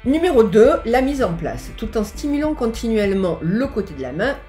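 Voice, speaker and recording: A woman's voice: a little high, very animated, normal speed, dark tone, soft background music. A woman working as an EFT practitioner, patiently explaining a tapping technique step by step as she demonstrates it. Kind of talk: instructional explanation.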